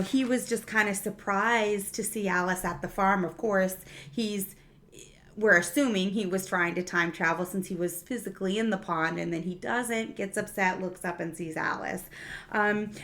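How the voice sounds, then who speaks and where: A woman talks through her review of a TV episode in a loose, chatty way at a middle pitch. She fills her talk with "um" and "you know", restarts her sentences and slips into quoting characters. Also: fairly bright tone. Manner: chatty, many fillers and restarts, acts out quotes. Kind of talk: casual spoken review.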